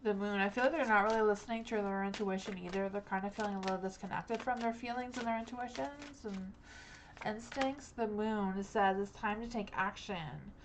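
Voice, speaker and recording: A woman's voice: mid-range voice, moderate pace, slight background noise. A young woman live-streaming tarot readings, talking in a rambling, hesitant way with many likes and ums. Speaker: tarot reader.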